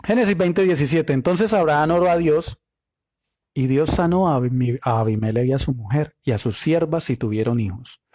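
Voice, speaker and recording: A man's voice: a little high, moderate pace, mellow, dry recording, clean studio sound. A man teaching a Bible study, reading scripture aloud and explaining the Hebrew meaning of words, often asking rhetorical questions.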